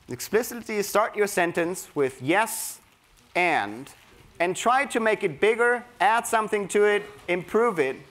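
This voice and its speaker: In a high-pitched, slightly bright voice, a workshop speaker from Germany leads a live audience through a creativity exercise. He has a German accent, and the keynote is interactive.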